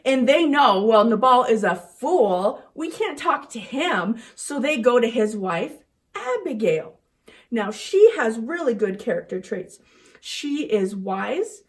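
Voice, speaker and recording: A young woman teaching a children's church lesson, telling a Bible story in an animated, chatty way. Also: a little high, slow.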